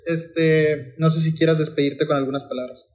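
A man hosting a podcast interview, polite and halting, filling pauses often. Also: on the high side, fairly even intonation, a little mellow. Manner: polite, halting, many fillers. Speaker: podcast host.

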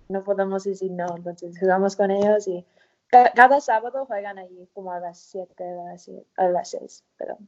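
A woman's voice: medium pitch, warm tone. A woman, an English speaker, answering casually in learner's Spanish and searching for words. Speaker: professional footballer being interviewed. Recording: dull lo-fi audio.

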